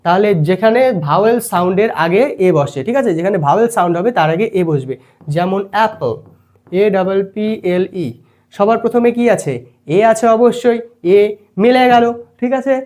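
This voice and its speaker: A teacher walks through a grammar lesson one small step at a time. The voice sits at an ordinary middle pitch, and the delivery keeps returning to quick questions to make sure the students are following. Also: animated, a little mellow. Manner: explains step by step, checks in often with questions. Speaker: English teacher.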